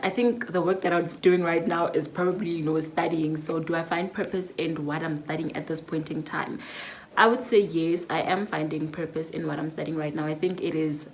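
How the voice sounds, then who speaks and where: This nineteen-year-old YouTuber with a South African accent has a deep voice, with a little hiss or hum in the recording. She works reflectively through a casual Q&A vlog, peppering her talk with fillers.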